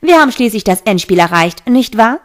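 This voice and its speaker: A woman's voice: a little high, expressive, a little fast, lightly acted. A woman reading the lines of a mocking male fallen angel in a fantasy audiobook.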